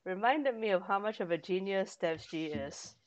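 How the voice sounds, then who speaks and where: A woman co-hosts a relaxed home vlog, wandering through her explanations with frequent fillers and restarts. Her voice sits at a middle pitch, and the recording sounds dull and lo-fi. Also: moderate pace. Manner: rambling show-and-tell with many fillers. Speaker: vlog co-host. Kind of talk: casual chat.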